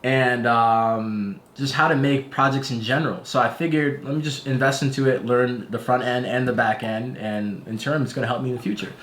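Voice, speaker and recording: A man's voice: mid-range voice, fairly even intonation, moderate pace, hardly any pauses, fairly bright tone. A man in his twenties, a laid-back podcast guest chatting casually and laughing easily. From United States. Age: 20s. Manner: laughs easily, good-natured. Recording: echoey room.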